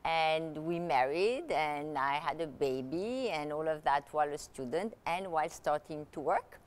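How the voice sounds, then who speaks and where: Her voice is deep and expressive, her pace measured. She grew up in Italy with Italian as her mother tongue, and in this conversational interview the luxury consultant and author chats through her career, restarting often and leaning on fillers.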